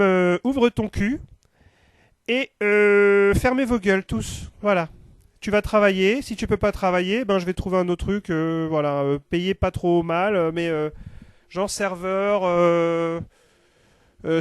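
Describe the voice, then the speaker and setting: A man playing an arrogant, boastful male colonizer who talks haltingly, with many fillers. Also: high voice, clean tone, dry recording, studio quality.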